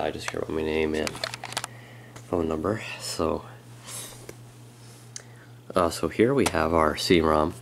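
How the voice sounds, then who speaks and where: Very deep, gravelly-voiced man, a bit sick. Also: a little hiss or hum. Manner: halting and unhurried, with frequent pauses. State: sick, with a slightly strained voice. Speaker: tech vlogger. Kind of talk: casual hands-on product walkthrough.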